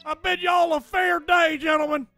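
A man voicing a foul-mouthed male drill sergeant who calls himself a war veteran, constantly yelling profane orders in game voice chat. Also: very high voice, little pitch movement, moderate pace, music in the background. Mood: barking.

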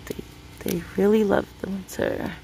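This homestead vlogger, a woman from Brooklyn, New York City, gathers peppers in a sunny garden while casually chatting with viewers she calls "guys," all shot on a phone. Her medium-pitched voice has vocal fry and a dark tone, with fairly even intonation, a moderate pace and a faint hiss or hum behind it.

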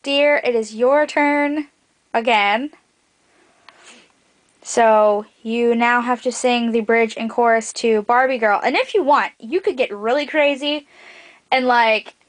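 A young adult woman chatting casually and playfully to camera as a video blogger, recorded in a small bedroom on the camera's mic. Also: on the high side. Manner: playful, teasing. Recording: noisy home webcam-style recording.

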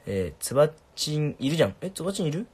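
A young man casually answering viewer questions on a livestream, laid-back and soft-spoken. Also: on the high side, very animated, fast talker, slightly rough.

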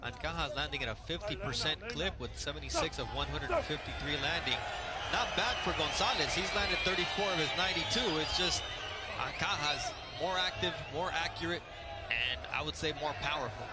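A man's voice: a little high, lively intonation, fairly quick, very noisy. A man calling a boxing match live as the play-by-play commentator.

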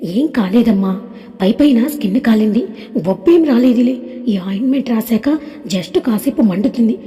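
A cheerful male doctor, put on by a woman narrator in an audio story. He teases his friend in an easygoing way and reassures calmly. His voice sits slightly high and mellow, with a long reverb. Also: normal speed, lightly acted. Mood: reassuring.

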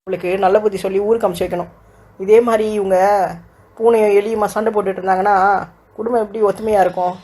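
A woman's voice: medium pitch, steady tone, quick pace, warm tone, a little hiss or hum, close to an everyday voice. A woman voicing a patient, polite young housewife in a cartoon, speaking soothingly. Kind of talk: cartoon voice acting.

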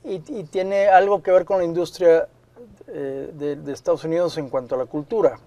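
Guy interpreting, lots of stops and restarts, warm soft tone. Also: a little high, fairly even intonation. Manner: halting, many restarts and fillers while interpreting. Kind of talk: consecutive interpretation into Spanish.

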